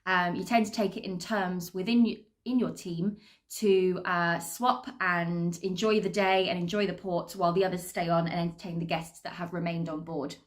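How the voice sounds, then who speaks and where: A woman's voice: lowish voice, fairly even intonation, normal speed. Upbeat, chatty British woman. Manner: upbeat, chatty, articulate people person. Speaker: assistant cruise director and entertainer. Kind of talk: informal career talk to camera.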